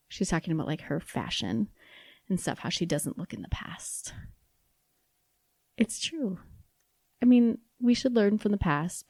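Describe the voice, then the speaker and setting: Chatty woman podcaster in her 30s, kinda low mellow voice, rambles and restarts. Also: no room sound, studio quality. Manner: chatty, self-deprecating, with restarts. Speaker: podcast host. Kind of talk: casual solo podcast talk.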